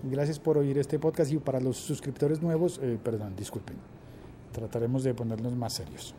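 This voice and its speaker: A man's voice: medium pitch, steady tone, moderate pace, dark tone, slight background noise. A man co-hosting a casual tech podcast, reading listener questions and joking around. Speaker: podcast co-host.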